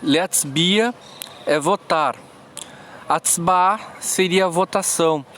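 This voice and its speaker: Halting man explaining slowly. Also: a little high, fairly bright tone, slight background noise. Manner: slow, halting explanations with frequent restarts. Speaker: language teacher. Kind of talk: screen-recorded app tutorial.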